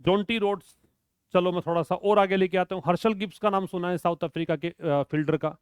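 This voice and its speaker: A man's voice: sits high, steady tone, a little fast, clear, resonant tone, no room sound, clean studio sound. A male teacher giving an exam vocabulary lesson, asking questions and answering them himself in a drilling way.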